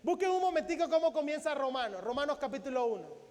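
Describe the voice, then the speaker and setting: A man with a strikingly high voice preaches a Sunday sermon, his words ringing out in a church hall with a long reverb tail. He keeps the congregation engaged with rhetorical questions and acts out biblical dialogue as he goes. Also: fast talker. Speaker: pastor. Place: church sanctuary.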